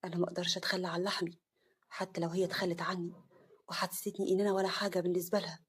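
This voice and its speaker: A heartbroken elderly village father, as a woman narrator puts him on, his voice dropped lower and heavy with grief. He pleads and sighs in a husky, breathy tone, quick despite his sorrow. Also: steady tone, a little mellow. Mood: weary, resigned. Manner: pleading, broken.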